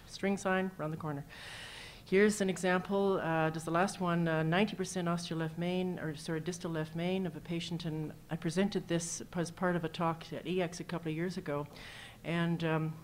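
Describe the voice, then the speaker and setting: A woman cardiac surgeon with a lowish voice and little pitch movement presents at a symposium at a moderate pace, with slight background noise. Her conference talk is casual and anecdotal as she walks through number-heavy slides.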